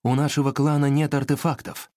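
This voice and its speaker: A woman's voice: extremely low pitch, level tone, fairly quick, dark tone, no room sound, clean studio sound, voice pushed down. A woman reading a storybook aloud and voicing a carefree young male wind fairy in an easygoing way.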